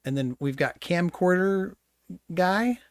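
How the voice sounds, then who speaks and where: A man's voice: high voice, lively intonation, slow pace, no room sound, studio quality. A man co-hosting a tech podcast in casual chat, playful and joking. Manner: playful, jokes about putting on accents. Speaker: podcast co-host. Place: Pacific Northwest.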